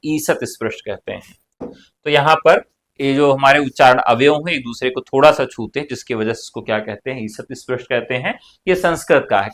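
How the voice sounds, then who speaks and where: A man's voice: medium pitch, fairly bright tone. A man giving an online lesson for a teaching exam, explaining answers by asking and answering his own questions, with casual joking asides. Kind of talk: online exam-prep lecture.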